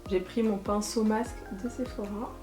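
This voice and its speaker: A woman in a casual beauty vlog testing a product, chatty and playful, poking fun at herself, sometimes dropping to a soft murmur. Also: mid-range voice, steady tone, normal speed. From France. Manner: chatty, playful, self-mocking, calls viewers her warriors. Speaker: beauty YouTuber. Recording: echoey room, soft background music.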